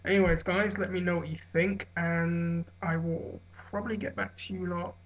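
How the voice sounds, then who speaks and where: A man's voice: high-pitched, level tone, normal speed, background noise. Hungover man rambling in dull lo-fi audio. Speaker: vlogger giving fight commentary. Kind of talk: casual solo fight recap, rambling commentary. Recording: dull, lo-fi sound.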